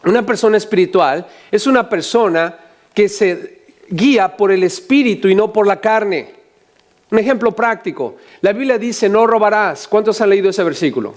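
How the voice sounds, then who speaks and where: An older male pastor preaching a sermon, often asking the congregation questions and adding joking asides. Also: sits high.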